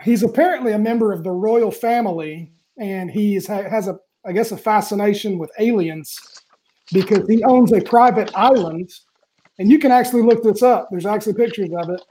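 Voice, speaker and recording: A man talks casually on a podcast, with a mellow, darker voice. He chats through his explanations and adds asides as he goes. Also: high voice, fairly quick. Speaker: podcast co-host. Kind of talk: casual chat.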